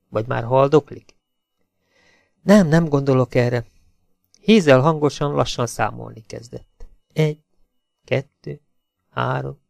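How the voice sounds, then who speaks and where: This is scripted narration of a suspense novel by a man working as an audiobook narrator. He keeps an even, measured pace, his voice sitting at mid pitch with a gravelly fry. The close, dry recording has no room echo.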